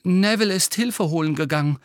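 A man's voice: high-pitched, fairly quick, no room sound, studio quality, voice pushed up, close to an everyday voice. A man voicing an unsure teenage boy who speaks shakily and stammers. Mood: uneasy. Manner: hesitant, shaky, stammering.

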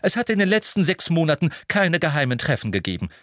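A strict, cold older witch professor, voiced by a man in an audiobook. Clipped and precise, pitched high with a lively lilt. Dry close sound. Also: quick pace, no room sound.

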